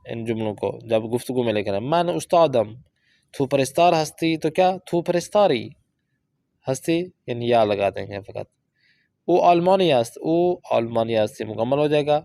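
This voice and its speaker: A man teaching a Persian course, explaining exercises and reading example sentences out slowly and carefully. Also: medium pitch, vocal fry, mellow. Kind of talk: language lesson explaining book exercises.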